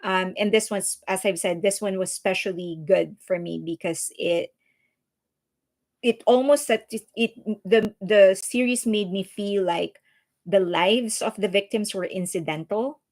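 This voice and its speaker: Her voice is mid-range and darkish, delivered at a measured pace. She hosts a relaxed livestream from the Philippines, replying to viewers' comments with a Filipino accent in an earnest, chatty manner full of fillers and restarts.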